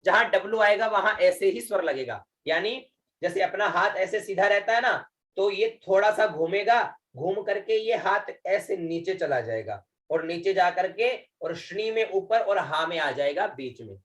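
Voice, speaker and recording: Lively intonation and a fairly bright tone mark the high voice of a man teaching Vedic recitation online. He moves slowly and patiently, repeating words, drawing out chanted syllables, and checking in with his students time after time.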